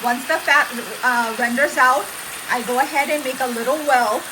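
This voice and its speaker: A woman's voice: sits high, steady tone, moderate pace, noisy background. A woman filming a casual cooking demo in her home kitchen, chatting and explaining each step to her viewers. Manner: chatty, instructive, talks to viewers. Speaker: cooking vlogger.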